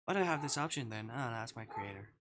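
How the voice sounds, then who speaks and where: Speaking quickly and with plenty of animation, this mid-range streamer chats loosely with their audience while reading the game's dialogue out loud. They come across as playful and unsure, muttering under their breath, and background noise is audible.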